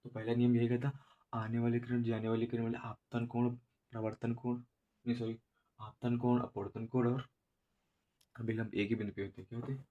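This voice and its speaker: A man teaching a school exam lesson, explaining slowly and repeating himself because he has a headache. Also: mid-range voice, flat delivery, phone-quality sound. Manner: slow, repetitive explaining with many filler checks. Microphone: no proper voice recorder.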